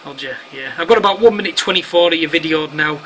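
This amateur radio operator, filming at his radio set indoors for online videos, chats in matey slang and radio jargon over two-way radio. His voice is a little high, fast and fairly bright. Noise from the room is clearly audible.

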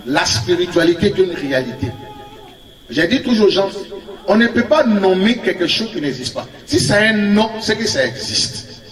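Male preacher, high and very animated, storytelling sermon, echoey off-mic sound. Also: normal speed, far from the mic. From Ivory Coast. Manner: animated storytelling with laughs and acted quotes. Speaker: prophet preaching. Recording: echoey room, speaker off-mic.

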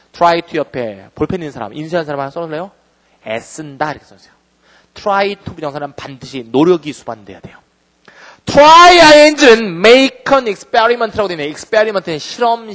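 A man teaching grammar as a lecture, animated and firing questions at the class. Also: on the high side, long reverb tail. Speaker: English teacher.

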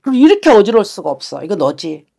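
A woman's voice: mid-range voice, very animated, fast talker, gravelly, mellow, breathy edge. A woman shaman giving a fortune-telling session, talking bluntly and scolding with coarse words.

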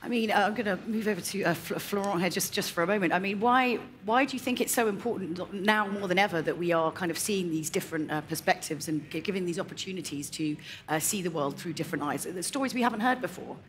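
A woman hosts a live stage panel, talking quickly and loosely with plenty of fillers. Her voice sits a little low, and her headset mic picks up faint hall ambience behind her. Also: slight background noise. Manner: quick, chatty, many fillers. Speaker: panel moderator. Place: large indoor event stage.

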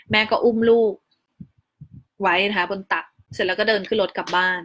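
Chatty, polite young mother narrating. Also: medium pitch. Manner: chatty and polite, often ending phrases with soft polite particles; calmly explains step-by-step practical details. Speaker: new mother sharing her hospital stay. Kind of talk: casual narrated vlog voice-over.

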